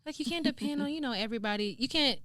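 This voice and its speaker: A woman in her twenties with a Southern US accent, co-hosting a podcast in animated, chatty conversation. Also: high voice, rapid-fire, no echo. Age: 20s. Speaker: podcast co-host. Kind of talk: casual chat.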